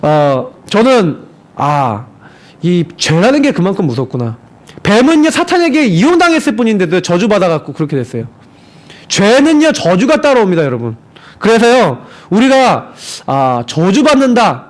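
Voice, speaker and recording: A man's voice: high voice, sing-song, moderate pace. A male pastor preaching a sermon, asking the congregation rhetorical questions and acting out the quoted lines in shifting voices. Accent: Seoul Korean.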